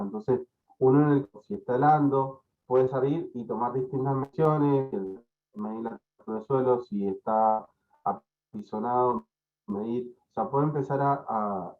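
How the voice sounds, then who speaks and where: Male lecturer on a video call with bad, cutting-out internet; tinny, hesitant, full of fillers. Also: medium pitch. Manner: hesitant, many fillers and repeated words. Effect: choppy, breaking-up internet connection. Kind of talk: online lecture. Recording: tinny, choppy online call audio.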